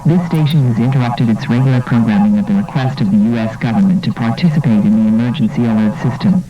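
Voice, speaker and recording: A man announcing an official emergency alert in a steady, measured tone, his voice muffled as if heard through a door. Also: medium pitch. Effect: muffled and distant, as if heard through a door. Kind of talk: formal scripted alert announcement.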